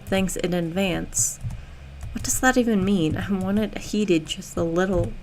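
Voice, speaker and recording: A woman streaming a video game, musing slowly half to herself. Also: mid-range voice, a little mellow, slight background noise. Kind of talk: casual gameplay commentary.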